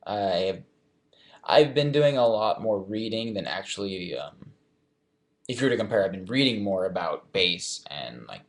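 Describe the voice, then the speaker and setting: Laid-back young man answering fan questions. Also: low voice. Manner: relaxed, thoughtful, reading questions aloud then answering. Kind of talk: casual live chat.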